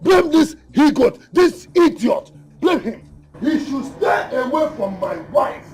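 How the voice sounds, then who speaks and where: A man's voice: extremely high pitch, sing-song, takes it slowly, a little mellow, full character voice. A Nigerian man acting a furious, jealous village husband in a film drama, confrontational and repeating his demands. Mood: angry, indignant.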